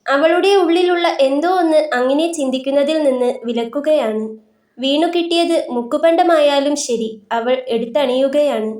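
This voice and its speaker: A woman narrating a literary novel in a calm, even reading voice, lightly voicing the characters' lines. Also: sits high. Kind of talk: scripted narration of a literary story. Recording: roomy echoey room.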